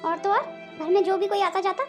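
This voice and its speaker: A woman voicing a very old, calm and wise great-grandmother-in-law in a cartoon, speaking slowly and measuredly, with faint music behind. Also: very high-pitched. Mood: calm advising.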